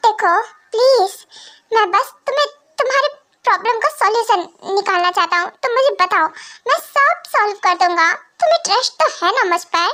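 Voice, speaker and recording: A woman voices a possessive male vampire in a homemade fan drama. The voice stays high and bright, and the speech swings between threats and desperate pleading. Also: lively intonation, fairly quick, full character voice. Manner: alternates threats and tearful pleading. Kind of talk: amateur Hindi fan drama.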